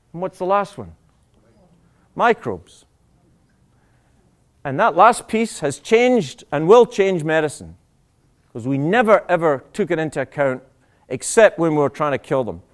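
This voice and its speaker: A man, a doctor, giving a public lecture, animated and full of rhetorical questions to the audience. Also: high-pitched.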